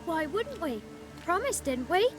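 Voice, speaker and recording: A woman's voice: very high-pitched, big pitch swings, unhurried, over music, exaggerated voice. A woman voicing a cheeky, boisterous little village child with a British accent in a video game.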